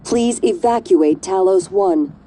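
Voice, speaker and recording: A woman voicing a calm female station computer that gives slow, measured evacuation warnings in a video game. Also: mid-range voice, noisy background, lightly acted. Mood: calm alert. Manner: slow, measured, repeated alert phrasing.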